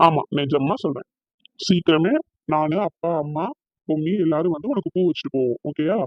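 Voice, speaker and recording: A man voicing a loving young fiancé in a cartoon, gentle and reassuring. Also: on the high side, breathy edge, dry recording, muffled recording. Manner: gentle, reassuring, fast-talking. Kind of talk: cartoon voice acting.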